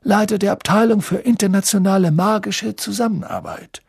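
Guy doing a wise old headmaster, high husky voice, slow and grand, audiobook style. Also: no echo, clean studio sound, full character voice. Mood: solemn. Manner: slow, ceremonious speech. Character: old male headmaster, calm and solemn.

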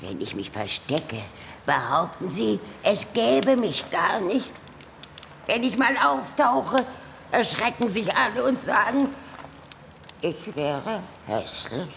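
A sad lady lake monster for a kids audio play, creaky, really swoops up and down. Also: medium pitch, very animated, slow, fairly bright tone, slight background noise, full character voice. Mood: self-pitying. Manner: dramatic, self-pitying. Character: lonely female lake monster, aggrieved, easily touched. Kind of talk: children's audio drama.

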